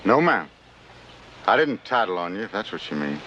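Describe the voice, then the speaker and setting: An actor playing a sly, politely deferential manservant in a western drama. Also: male voice, fairly low pitch, sing-song, moderate pace, sharp tone, muffled recording, slight background noise. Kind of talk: period western television drama acting.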